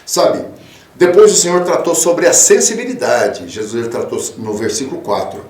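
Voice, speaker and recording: High-pitched preaching man, roomy sound. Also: very animated, normal speed, distant mic. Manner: fatherly, calls listeners 'filho'; swings from loud emphatic peaks to soft low tones. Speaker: pastor. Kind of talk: radio sermon. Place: radio studio.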